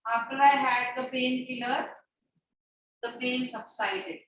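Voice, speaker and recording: Woman, Indian accent, schoolteacher instructing a class; high voice, very reverberant distant pickup. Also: fairly even intonation, slow, fairly bright tone. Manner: instructive, asks frequent questions. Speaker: school English teacher. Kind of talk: classroom teaching, addressing pupils. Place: indoor classroom with pupils. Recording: echoey classroom, distant mic, muffled, noisy.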